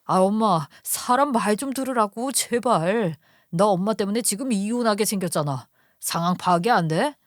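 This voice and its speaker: A woman's voice: mid-range voice, animated, normal speed, no room sound, clean studio sound, lightly acted. A woman voicing a desperate husband who pleads frantically in a story radio drama. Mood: pleading.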